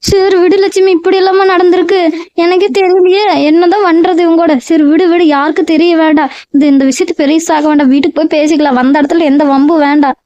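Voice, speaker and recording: A woman playing a calm older sister who soothes and reassures, on a dull, dry recording. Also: very high-pitched, quick pace, dry recording. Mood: soothing.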